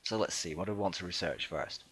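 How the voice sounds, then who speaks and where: A man with a somewhat low voice walks through a strategy game in casual commentary. He talks hesitantly, filling gaps with ums and restarting sentences. He pokes fun at himself in a chatty, easygoing way. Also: fast, a bit bright, husky. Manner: self-deprecating and chatty. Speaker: let's play gamer.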